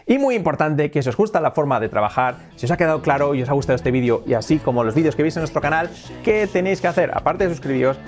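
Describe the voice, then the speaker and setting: A man with a Spanish accent gives an English lesson, switching between Spanish explanations and slow, careful English phrases. His pitch jumps around a lot, very animated. Soft music plays quietly behind him. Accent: Spain. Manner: lively, repeats English phrases slowly and clearly. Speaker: English teacher. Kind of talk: video lesson for Spanish speakers.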